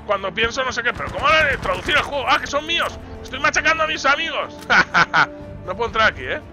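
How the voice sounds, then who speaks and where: A man commentating his own gameplay, shouting and repeating words in bursts. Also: very high voice, very animated, fairly quick. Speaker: gaming YouTuber. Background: game music and gunfire.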